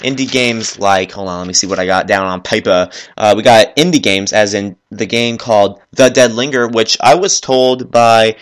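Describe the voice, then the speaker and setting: A man hosts his own gaming podcast alone at his computer. He talks fast and with enthusiasm, rambling from point to point and restarting sentences as he goes. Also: on the low side, smooth. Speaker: podcast host. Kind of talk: solo gaming podcast chat. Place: at his computer, working while talking.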